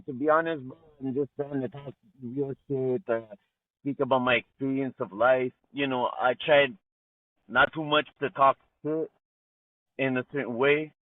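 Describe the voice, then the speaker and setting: This Montreal rapper chats in a relaxed, slangy way during an interview, peppering his talk with "you know," "man," and "bro." He has a medium-pitched voice with fairly even intonation and a moderate pace. The recording is dry and comes through a tinny, phone-like line.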